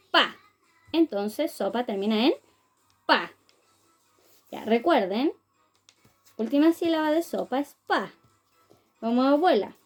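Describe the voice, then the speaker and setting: A woman teaching a phonics lesson to small children, sounding out words syllable by syllable and praising them often. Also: high-pitched. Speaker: preschool teacher.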